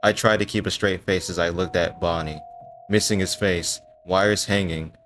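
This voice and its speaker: A man telling a first-person horror story in a hushed, suspenseful voice with dramatic pauses. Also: sits low, steady tone, soft background music. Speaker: storyteller and voice actor.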